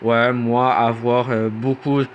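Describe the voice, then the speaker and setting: A man putting on a clumsy robot voice, talking in slow, broken robotic phrases with pauses, as a joke in gaming commentary. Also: medium pitch, little pitch movement, dull audio, a little hiss or hum, natural voice. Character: clumsy male robot, halting and childish. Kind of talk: joking gaming video commentary.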